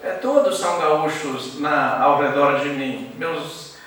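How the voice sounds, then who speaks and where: A man's voice: fairly high pitch, takes it slowly, fairly bright tone. A man from Santa Catarina, Brazil, giving a formal tribute speech at an academy ceremony, erudite and digressive, dropping in Latin phrases and jokes. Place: embassy reception hall. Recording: echoey hall, mic far off.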